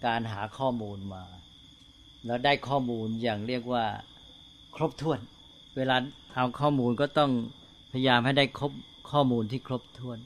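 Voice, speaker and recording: An older male Buddhist monk giving a slow, unhurried talk to fellow monks, often checking in with tag questions. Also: mid-range voice, slight background noise.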